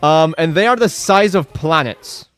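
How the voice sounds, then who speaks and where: A man's voice: a little high, a little slow, a bit bright, clear, resonant tone, no room sound, soft background music. A man chatting casually on a live game stream, rambling with lots of filler words and reacting to chat.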